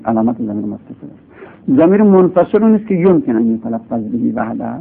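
A man gives a grammar lecture in a gravelly, slightly husky voice. His pitch swings widely as he repeats examples and stresses key points. The recording is tinny and lo-fi, like a phone line. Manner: explains patiently, repeats examples, voice leaps up for emphasis. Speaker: teacher of Arabic grammar. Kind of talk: classroom lecture.

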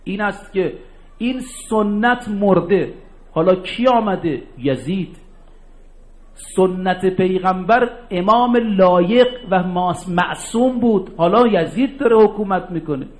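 High-voiced man preaching a sermon. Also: low-quality recording. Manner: emphatic, drops to low asides and rises for key points. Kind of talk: religious sermon.

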